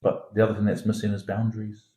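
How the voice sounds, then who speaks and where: Low mellow-voiced man, emphatic. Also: completely flat delivery, fast, echoey room, low-quality recording. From Singapore. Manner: emphatic, repetitive, builds points through extended metaphor. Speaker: founder of an education academy, podcast guest. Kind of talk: conversational podcast interview.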